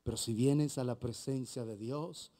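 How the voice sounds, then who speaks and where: A man's voice: mid-range voice, steady tone, a little slow, warm tone. A man with a Colombian accent preaching a sermon as pastor, acting out bits of dialogue. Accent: Colombian Spanish.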